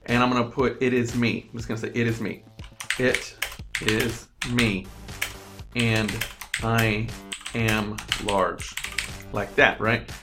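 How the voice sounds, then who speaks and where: A man explaining a computer task step by step in a screen-recorded tutorial, repeating himself as he goes, on a desk microphone at his computer. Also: mid-range voice. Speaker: online tutorial presenter. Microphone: USB desk microphone.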